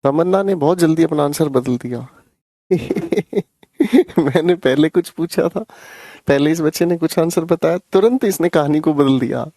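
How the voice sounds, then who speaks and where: A man teaches grammar in a chatty, teasing way, calling out to his students by name. His voice sits a little high but sounds mellow and warm. The room is small and dry, with no echo. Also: unhurried. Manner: chatty, teasing, addresses students as beta and bhai. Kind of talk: live online class.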